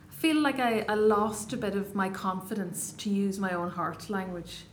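At a moderate pace and medium pitch, with slight noise in the background, an Irish poet in her thirties responds to interview questions. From the Donegal Gaeltacht and carrying its accent, she is reflective and hesitant, often beginning again.

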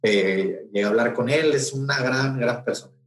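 A man's voice: mid-range voice, moderate pace, faint music behind. A man with a Mexican accent, an event promoter telling a story in a casual interview, rambling with many fillers and restarts. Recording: roomy echo.

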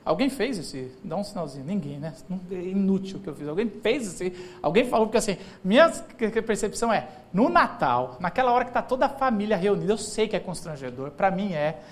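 A man's voice: high voice, very animated, a little fast, few pauses. Joking conversational male pastor. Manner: humorous storytelling, conversational, acts out quoted people. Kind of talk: sermon. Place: church hall.

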